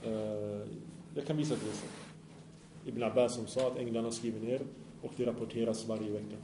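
A man's voice: mid-range voice, fairly even intonation, echoey room, noisy background. A man preaching an Islamic sermon to young people, earnest and often asking the audience questions.

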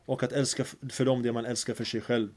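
A man's voice: medium pitch, little pitch movement, a little mellow. A man giving an earnest religious lecture, telling stories and mixing in phrases. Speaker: preacher.

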